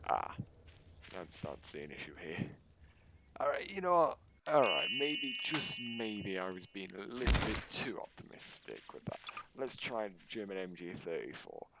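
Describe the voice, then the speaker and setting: A man's voice: low voice, lively intonation, moderate pace, heavy background noise. A man giving casual, sarcastic, mock-boastful commentary over his own gameplay. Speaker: gaming YouTuber.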